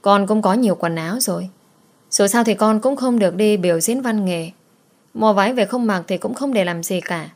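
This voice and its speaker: A woman's voice: mid-range voice, normal speed, close to an everyday voice. A woman voicing a sad young girl who pleads tearfully with her mother. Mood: pleading.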